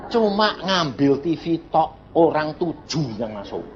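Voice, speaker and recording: An older man of about eighty from Central Java, preaching an anecdotal sermon as an evangelist in a lively, chuckling way. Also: a little high, a little slow, highs cut off, crowd noise. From Central Java, Indonesia. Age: around 80. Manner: animated, chuckling anecdotal delivery, addresses listeners as brothers. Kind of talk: storytelling sermon.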